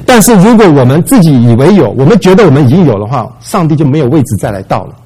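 A man's voice: a little high, big pitch swings, rapid-fire, warm tone, slightly rough, poor audio. A man preaching a sermon in a conversational way, with English words mixed into his talk. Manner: conversational, mixes English words, acts out voices in retellings.

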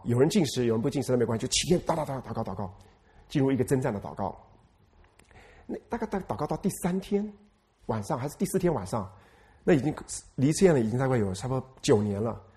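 Animated male pastor preaching. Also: mid-range voice. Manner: emphatic, repeats phrases, asks the congregation questions. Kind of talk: lively sermon.

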